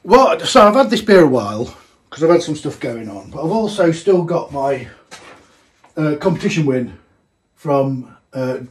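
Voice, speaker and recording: A man's voice: a little high, sing-song, moderate pace. A man, chatting casually as he tastes a homebrewed beer in a small home brewing room, thinking aloud with plenty of fillers. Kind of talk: casual tasting vlog.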